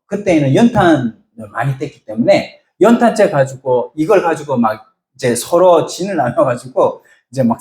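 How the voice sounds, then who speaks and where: A man's voice: fairly high pitch, a little mellow, echoey room. A middle-aged man preaching a sermon as a pastor, telling stories, acting out voices and asking the congregation questions. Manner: storytelling, acts out voices, asks the congregation questions.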